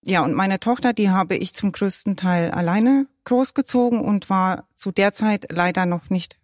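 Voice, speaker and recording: A woman's voice: medium pitch, moderate pace, darkish tone, dry recording, clean studio sound. A woman in her fifties introducing herself on a panel in a straightforward way. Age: 50s. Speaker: panel guest. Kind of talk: personal testimony in a panel talk.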